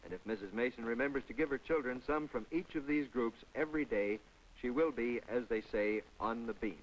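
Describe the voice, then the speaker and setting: A man with a medium-pitched, brisk voice narrates a scripted 1950s public information film, instructing in a folksy way and turning aside to chat with the viewer. The audio is dull, a vintage 1950s film soundtrack.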